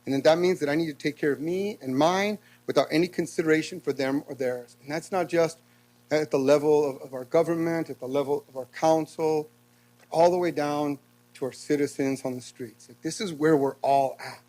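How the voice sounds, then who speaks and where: A man's voice: a little high, fairly quick, a little mellow, low-quality recording. Earnest man exhorting a city council. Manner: earnest, exhorting, preacher-like cadence. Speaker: public commenter. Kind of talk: impassioned public comment. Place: council chamber.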